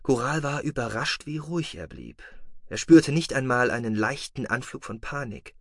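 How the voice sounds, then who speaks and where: Expressive male audiobook narrator. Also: medium pitch, normal speed, dry recording, studio quality. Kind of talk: scripted narration.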